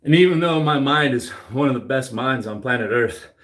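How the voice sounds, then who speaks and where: A man's voice: mid-range voice, expressive, moderate pace, fairly bright tone. A man talking casually while he works out at home, cursing often and boasting bluntly. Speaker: fitness livestreamer. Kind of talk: casual workout chat. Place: home gym. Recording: roomy echo.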